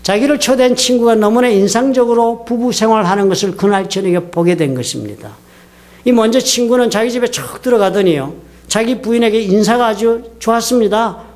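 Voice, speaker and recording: A man's voice: high voice, a little mellow. A man preaching a sermon as a pastor, telling a story and putting questions to his congregation. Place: church sanctuary.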